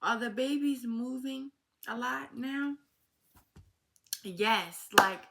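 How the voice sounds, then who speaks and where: A woman's voice: fairly high pitch, fairly bright tone, slight background noise. An eighteen-year-old woman talking casually to her viewers in a heartfelt vlog Q&A, calling them y'all. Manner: talks slowly, informal and heartfelt, addresses viewers as y'all. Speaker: vlogger. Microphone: phone.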